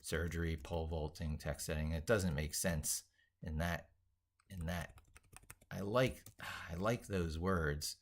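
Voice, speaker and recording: This tech educator and video creator thinks out loud while drafting an opinionated tech piece, halting, repeating and reworking phrases as he drives home emphatic points. His voice is deep with fairly even intonation, and there's a slight hiss or hum.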